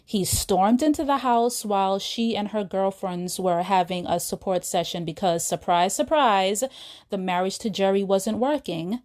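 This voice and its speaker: In an unhurried, mid-range voice that's a little mellow, a woman hosting her own podcast casually narrates a film scene. The monologue is chatty and full of asides to her audience.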